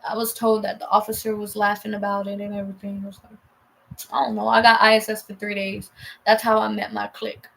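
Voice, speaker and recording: A woman's voice: mid-range voice, level tone, quick pace, gravelly, a bit bright, poor audio. A young woman casually telling a personal story on a vlog, heated and profane, rambling with lots of fillers and restarts.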